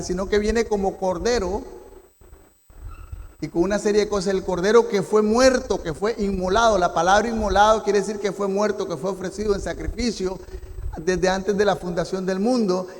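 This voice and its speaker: High-voiced pastor teaching in a reverberant hall. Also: male voice, steady tone, brisk. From Costa Rica. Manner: teaching, reads scripture and asks the congregation questions. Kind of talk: Bible study sermon. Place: church. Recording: long church hall reverb.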